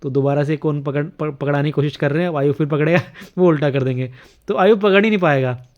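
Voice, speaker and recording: A man's voice: a little high, brisk, darkish tone, muffled recording. A man narrating a home video in casual voice-over, chuckling often as he comments. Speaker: vlogger narrating a family video.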